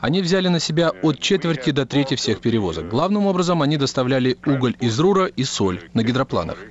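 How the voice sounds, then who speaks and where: A man's voice: medium pitch, sing-song, fast talker. Man reading a radio documentary. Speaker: radio program reader. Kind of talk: scripted documentary narration. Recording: slightly muffled radio broadcast.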